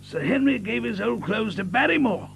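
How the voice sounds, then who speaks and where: An actor playing an earnest, loyal gentleman doctor in an audio drama, proper and easily astonished. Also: sits high, animated, normal speed, creaky, a little hiss or hum, exaggerated voice. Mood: puzzled, earnest. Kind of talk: audio drama acting and narration.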